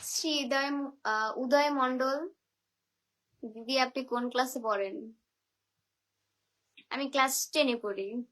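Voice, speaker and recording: A woman's voice: high-pitched, slow pace, pauses often, a bit bright. A woman from the Barisal region of Bangladesh on a phone livestream, reading out viewers' names and answering their comments with teasing, chatty replies. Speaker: live streamer. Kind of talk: reading viewer comments on a live video call.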